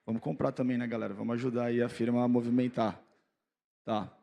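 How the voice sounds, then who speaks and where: A Brazilian man giving an informal, unscripted talk at an event, sounding hungover, low-key and candid. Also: flat delivery, fast, creaky, mellow. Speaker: guest speaker, business founder. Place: on stage at an event, talking to an audience.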